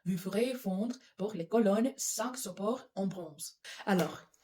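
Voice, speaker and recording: A woman's voice: medium pitch, slow, warm tone, slight background noise. A woman whose first language is English, reading scripture aloud in French with an English-speaking accent, often stumbling and correcting herself. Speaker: Bible reader.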